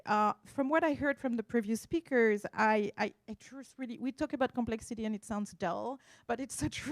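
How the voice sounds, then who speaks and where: A woman's voice: medium pitch, no room sound. French-accented woman giving a talk. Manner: hesitant, searching for words, with asides. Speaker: art appraiser presenting. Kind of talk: slide presentation talk.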